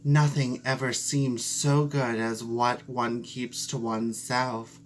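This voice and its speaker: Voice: mid-range voice, flat delivery, slow pace, a little hiss or hum, close to an everyday voice, poor audio. A performer voicing a sly, greedy, domineering female cat in a storybook, cool, smug and dismissive. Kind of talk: storybook character voice.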